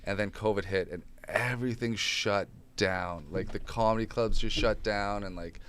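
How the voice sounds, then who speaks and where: Guesting on a podcast, this stand-up comic from Canada, in his 30s, rambles through animated stories and swears freely. He speaks at normal speed in a voice on the low side, with slight background noise.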